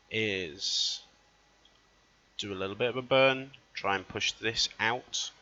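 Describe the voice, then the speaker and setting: A man's voice: mid-range voice, gravelly, pushed and bright. A man giving casual let's-play commentary, thinking aloud as he plays and often correcting himself mid-sentence. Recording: dull lo-fi recording.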